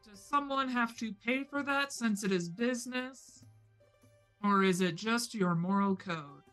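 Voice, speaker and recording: A woman with a bright, forward voice at average pitch takes part in a tabletop game as a player. She talks casually, over faint music. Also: a little slow.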